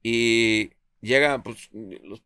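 A man's voice: lowish voice, extremely slow, clear, resonant tone, dry recording, studio quality. A man from Culiacán, telling a wild story with plenty of swearing and English thrown in. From Culiacán, Mexico. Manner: excitable, profane, switches into English. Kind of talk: animated storytelling with slang and English phrases.

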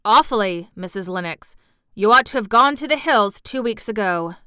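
A woman reading aloud plays a boyish young officer bringing bad news. He speaks earnestly and urgently, with a tremble in his voice. The tone is clean and bright, close to the mic, with no room sound. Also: mid-range voice, animated, normal speed, smooth, no echo. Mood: grave urgent. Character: very young male army officer, anxious and grave. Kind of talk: storybook reading.

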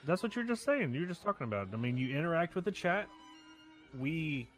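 A man's voice: a little high, big pitch swings, fairly quick, a bit bright. A man co-hosting a live stream, chatting casually with folksy, profane humor. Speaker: live stream co-host and interviewer. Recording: music behind the voice. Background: music.

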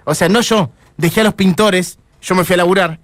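A man's voice: high-pitched, fairly quick. An Argentine man doing a prank phone call, feigning fluster and apologizing a lot. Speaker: radio prank caller.

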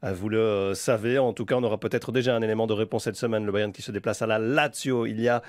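A man's voice: fairly low pitch, steady tone, fast, no room sound, studio quality. A man hosting a football talk show, hesitant with many fillers as he links segments and debates. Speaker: host.

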